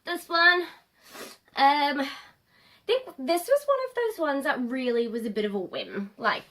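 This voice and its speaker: A woman in her late twenties talking casually to camera, her voice a little nasal and stuffy from a recent cold and pitched somewhat high. She rambles with frequent ums and trailing pauses. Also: sing-song, bright, forceful tone. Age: late 20s. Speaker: vlogger.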